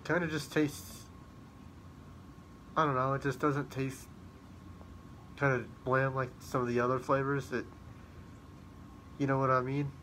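A man's voice: medium pitch, flat delivery, measured pace, pauses often, a bit bright, slight background noise. Upbeat rambling man vlogging drink reviews. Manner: repetitive, upbeat sign-offs, rambling. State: out of breath. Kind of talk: casual vlog talk to camera.

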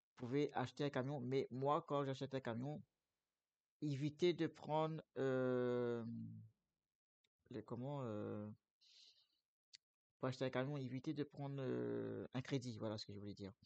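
A streamer with the flu rambles through buying a truck in a trucking game, talking casually to his viewers with many fillers and restarts. His voice is mid-range with a darkish tone.

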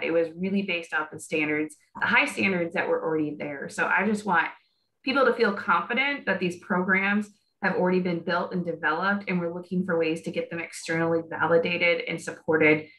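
A woman's voice: lowish voice, sharp tone, poor audio. A woman in her thirties on a video call, giving an upbeat, persuasive webinar panel answer with a lot of "like". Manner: upbeat and persuasive, often saying "like". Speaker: guest panelist, dairy industry outreach. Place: small room at home. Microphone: built-in mic on a video call.

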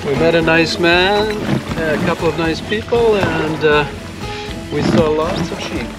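A man from Canada narrating a sailing vlog outdoors on a boat, relaxed and chatty with many fillers. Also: fairly high pitch, a little slow. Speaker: sailing vlogger. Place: outdoors on a sailboat. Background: music.

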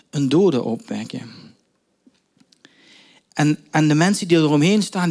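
A man gives a story-driven sermon, and his voice sits a little higher than most men's. He retells the scene with emphatic questions and small hesitations as he reflects on it. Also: a little mellow. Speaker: preacher.

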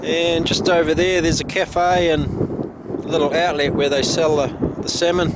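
A middle-aged man, explaining camera settings in a relaxed, plain-spoken way, recorded outdoors on a camera mic. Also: a little high, moderate pace. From New Zealand. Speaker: photographer vlogger. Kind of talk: casual vlog narration. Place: outdoors by a lake and canals, windy. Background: wind noise.

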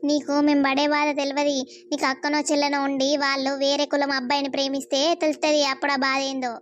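A woman's voice: high-pitched, little pitch movement, dull audio, slight background noise, close to an everyday voice. A woman voicing a scolding village mother. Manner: scolding, reproachful, rapid. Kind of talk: cartoon voice acting.

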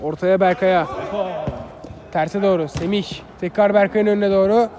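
High-pitched man calling a football match. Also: steady tone, normal speed, crowd noise. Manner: short clipped phrases, repeats players' names. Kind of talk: live play-by-play commentary of an amateur match.

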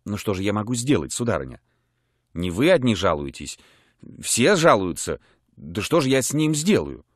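A man's voice: lowish voice, big pitch swings, moderate pace, no room sound. A man voicing a servile, put-upon hotel keeper who complains and rambles, in a dry close audiobook recording. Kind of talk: audiobook character voice. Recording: dry close studio mic.

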